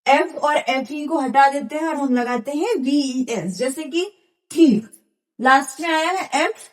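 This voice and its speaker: High-voiced woman teaching grammar, patient. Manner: patient, repetitive explaining with slow spelled-out examples. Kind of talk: classroom grammar lesson.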